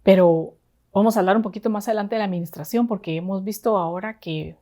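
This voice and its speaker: A woman's voice: mid-range voice, fast talker, warm tone. A woman deaconess preaching a sermon to a women's service in an earnest, conversational way.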